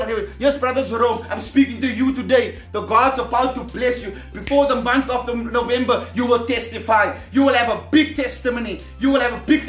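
A preacher delivering charismatic prophecy and prayer in a fervent, commanding way, repeating phrases insistently. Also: mid-range voice. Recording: echoey sound with music behind. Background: music.

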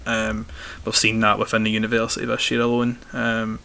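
A man's voice: on the low side, monotone, brisk, gravelly, pushed and bright, clean tone. A young man with a broad Scottish accent from Glasgow, answering interview questions in a talkative, conversational way, often repeating the starts of his phrases. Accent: strong Glaswegian. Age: young adult.

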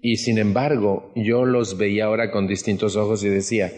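A man's voice: fairly low pitch, flat delivery, normal speed, darkish tone, in a large hall. A middle-aged Mexican man with a Mexican Spanish accent gives an earnest personal testimony at a support group meeting, often putting questions to the audience.

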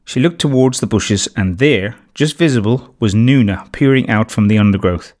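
A man's voice: on the low side, moderate pace. Man narrating a children's storybook. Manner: steady, clear storytelling.

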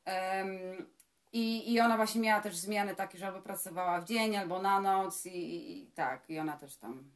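A woman co-hosting a relaxed podcast, chiming in with ready agreement before telling her own memories. Her voice sits at an ordinary, middle pitch. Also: normal speed. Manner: agreeable, affirming, storytelling. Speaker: podcast co-host. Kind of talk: casual chat.

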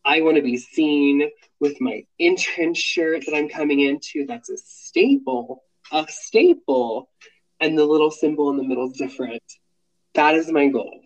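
A man's voice: on the high side, moderate pace, highs cut off. A man in his late twenties co-hosting a casual podcast, rambling and restarting sentences with plenty of enthusiasm. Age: late 20s. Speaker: podcast co-host.

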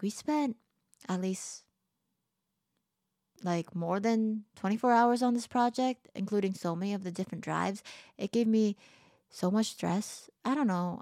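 A teenage girl runs her own podcast, chatting solo in a bubbly, upbeat, rambling way packed with "like" and small restarts. Her mid-pitched voice sounds a bit tired and lower than usual. The recording is close and dry, with no echo.

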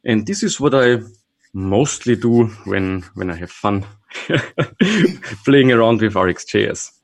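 Speaking slowly with vocal fry and a voice on the low side, a German-native trainer and consultant talks casually as a guest on a podcast. He's relaxed, thinking out loud with restarts and little laughs.

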